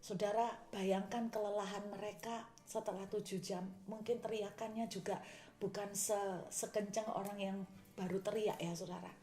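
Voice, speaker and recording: A woman preaching a sermon. She talks in a lively way, shouting praises and then dropping to a near whisper. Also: medium pitch, moderate pace, reverberant.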